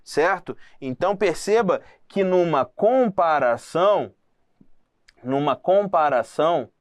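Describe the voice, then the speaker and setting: Male English teacher, fairly high voice, patient and explanatory, dry recording. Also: lively intonation, no echo. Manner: slow, careful reading of English example sentences; checks in often with short questions to the student.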